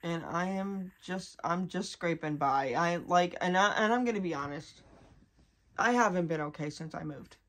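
A young woman talking candidly to her vlog audience, halting and restarting as she holds back tears. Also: lowish voice. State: on the verge of crying. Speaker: vlogger.

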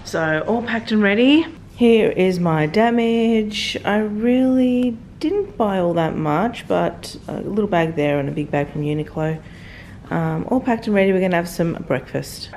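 A woman's voice: mid-range voice, unhurried, darkish tone. A middle-aged woman giving a casual, chatty vlog update to camera. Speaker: vlogger. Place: indoors, hotel suite. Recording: clear background room noise.

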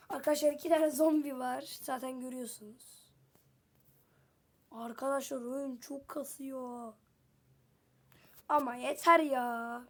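Her voice is high and a little bright as this gameplay video creator talks her viewers through the game. She's chatty, exclaims a lot, and turns flustered the moment something dangerous appears.

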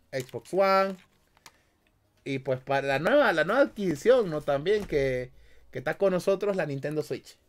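This young streamer has a Honduran accent and a slightly high, bright, forceful voice. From a small bedroom, he casually reads comments on his livestream, cracking jokes, using slang and laughing frequently, with a headset and desk mic.

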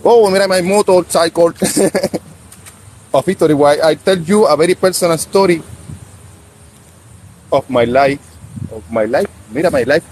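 A man in his fifties with a Puerto Rican accent, rambling casually on a live stream outdoors by a beach, talking to himself and halting when he tries English. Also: a little high, darkish tone, a little hiss or hum, rough recording. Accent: Puerto Rican Spanish. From Puerto Rico. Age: 50s.

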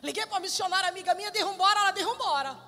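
A middle-aged woman preacher tells her testimony with lively, animated energy. Her voice sits very high and sounds bright and sharp. Long reverb from the church hall and faint music underneath. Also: racing. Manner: lively, animated storyteller who laughs and shouts. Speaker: missionary preacher. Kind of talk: testimony sermon.

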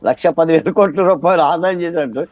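Talking fast in a higher-pitched but darkish voice, a man poses as a political analyst on a televised debate set, firing rhetorical questions to argue his point. The recording sounds dry and dull.

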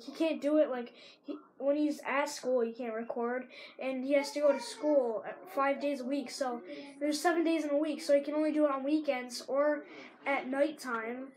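Sore-throated and casual, a teenage girl rambles while commentating a video game, breaking into excited shouts at the plays. Her female voice sits high, and the audio quality is poor.

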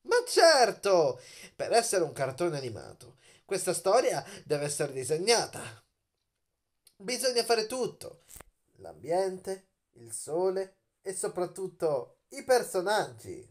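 Here the young adult host sounds very animated, his voice high as he acts out a playful, dramatic kids' explanation with drawn-out words and questions. He's lying on his bed in a small bedroom, the phone held at arm's length.

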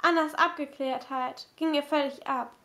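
Amateur audiobook narrator, woman, high voice, measured. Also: fairly even intonation, pushed and bright. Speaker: audiobook reader. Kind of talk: amateur novel reading.

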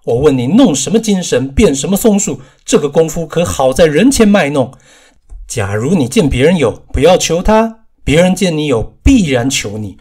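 A man's voice: a little high, very animated, moderate pace, darkish tone, slightly rough. A man voicing a stern, commanding old male Taoist master in an audiobook, scolding his disciples.

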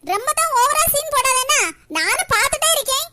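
A woman's voice: extremely high pitch, animated, brisk, sharp tone, no echo, exaggerated voice. A woman voicing a tense, irritable young woman about to be seen by a groom's family, speaking curtly with a Kanyakumari Tamil accent. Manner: snappish, curt.

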